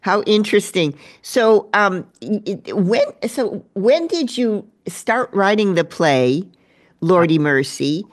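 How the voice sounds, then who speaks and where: A woman's voice: medium pitch, very animated, takes it slowly. A woman interviewing a guest, often restarting her questions as she goes.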